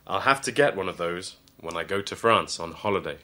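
A man voicing a polite police officer who speaks slowly and kindly. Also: deep voice, pushed and bright. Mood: calm. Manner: slow, measured, friendly. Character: tall polite male police officer, calm.

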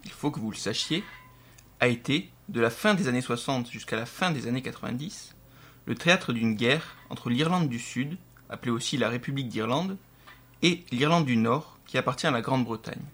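A man playing a calm grandfather who explains things plainly. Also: medium pitch, moderate pace, husky.

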